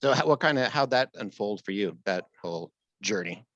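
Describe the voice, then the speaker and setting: A man's voice: fairly low pitch, lively intonation, brisk, fairly bright tone, no room sound, highs cut off. Dry-sounding man in his fifties hosting. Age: 50s. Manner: easygoing, affirming with frequent "right, right". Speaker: podcast host. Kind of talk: casual podcast interview.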